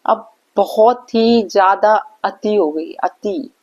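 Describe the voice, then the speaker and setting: A woman's voice: mid-range voice, slow, darkish tone, muffled recording. A woman vlogger giving a reaction commentary, scolding and indignant, firing off rhetorical questions. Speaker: vlogger reacting to online drama.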